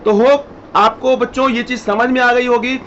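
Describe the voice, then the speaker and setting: A man's voice: very high voice, fairly even intonation, normal speed, a bit bright. A man teaching chemistry in a classroom-style lecture, repeating each rule step by step and addressing students directly. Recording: dull lo-fi sound, faint noise.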